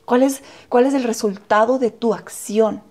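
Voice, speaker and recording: Soft-spoken woman podcast co-host. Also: on the high side, fairly even intonation, a little slow. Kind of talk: casual conversation.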